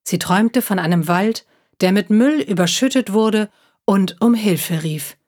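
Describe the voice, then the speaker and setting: A woman reading a children's story aloud, calmly and clearly. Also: medium pitch, a little slow. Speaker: reader of children's stories. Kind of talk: slow storybook narration for children.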